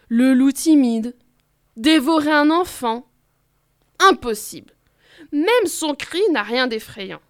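A woman reading a children's story aloud, expressive and animated. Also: a little high, dry recording, studio quality.

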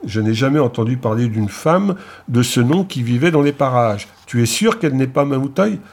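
A man's voice: mid-range voice, lively intonation, moderate pace, a little mellow. A man voicing a giant, jovial male clan chief who talks bluntly and heartily in an audiobook story. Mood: curious.

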